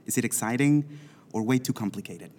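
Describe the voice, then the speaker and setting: A man's voice: mid-range voice, lively intonation, fairly quick, mellow, in a large hall, slight background noise. A man hosting an education podcast, reading scripted introductions and questions in a formal way. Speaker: podcast host.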